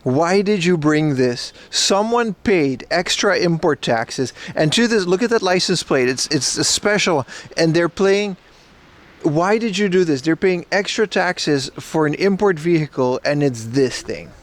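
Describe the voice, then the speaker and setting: Out on the city streets, a streamer with a fairly high, expressive voice talks without hurrying. He chats on his walking livestream, reads out the chat, and plays up mock outrage for laughs.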